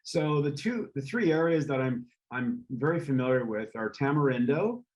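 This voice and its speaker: This mid-range male voice, at normal speed, belongs to a real estate developer and native English speaker being interviewed casually. He's relaxed and meandering, full of ums and uhs, and the audio quality is poor.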